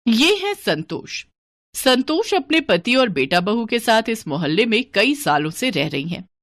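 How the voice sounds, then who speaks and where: A woman narrating a scripted cartoon moral story in a plain, even way. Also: a little high, dry recording.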